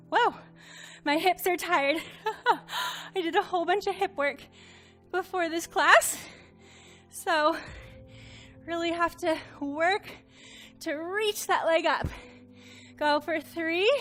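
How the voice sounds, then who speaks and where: A woman's voice: high voice, bright, forceful tone. A woman instructor cueing a Pilates workout, counting reps and encouraging, a little out of breath. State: slightly out of breath.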